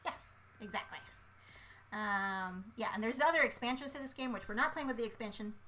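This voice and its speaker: This co-host of a play-along board game stream chats casually during the game, her voice high-leaning, quick, bright and forceful. She mutters her thoughts aloud in a playful way, adding little sound effects, over a faint hiss or hum.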